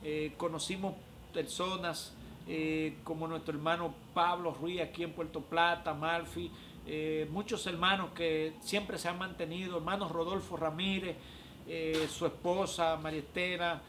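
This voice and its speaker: A man, a prophet giving an emotional religious testimony, often pausing with "eh". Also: a little high, flat delivery, a bit bright, slight background noise. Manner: emotional, frequent "eh" fillers.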